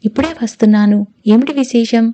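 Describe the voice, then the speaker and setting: Woman reading a calm, reasoning male lawyer. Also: on the high side, brisk, no room sound, natural voice. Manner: soothing, reasoning.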